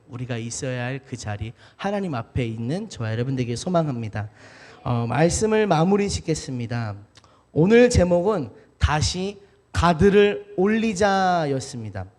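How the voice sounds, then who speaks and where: A young man preaching a sermon earnestly, with shouted exhortations. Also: high voice. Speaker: evangelist preaching a midweek service. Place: church sanctuary.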